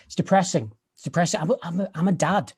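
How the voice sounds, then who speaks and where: A man's voice: on the high side, quick pace, breathy edge. A man, doing a dry, self-deprecating stand-up set over a video call. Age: 30s. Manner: dry, self-deprecating storytelling with quiet asides. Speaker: stand-up comedian.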